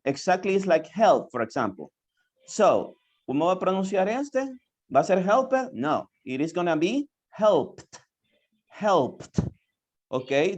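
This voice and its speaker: A slow, patient English teacher whose first language is Spanish leads an online class mixing English and Spanish over a video call. His voice is medium-pitched and darkish, and he repeats words slowly to coax students into answering.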